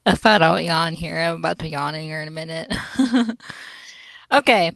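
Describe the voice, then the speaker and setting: A woman's voice: deep voice, normal speed, creaky, fairly bright tone, dry recording, rough recording. Tired, giggly woman podcaster, dry sound. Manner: giggly, yawning, playful. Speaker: podcast co-host. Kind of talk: casual chat.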